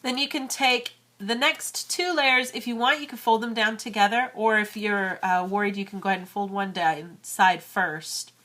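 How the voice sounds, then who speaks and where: She talks at normal speed with few pauses, her medium-pitched voice sharp in tone. A thirtysomething origami crafter with a cold, she hosts her channel's tutorial in a chatty, friendly manner with many fillers.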